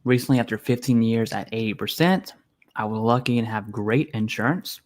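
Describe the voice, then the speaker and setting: A man's voice: mid-range voice, moderate pace. A man hosting a casual live Q&A stream, reading viewer questions aloud and answering bluntly and informally. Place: home setup, eating while streaming.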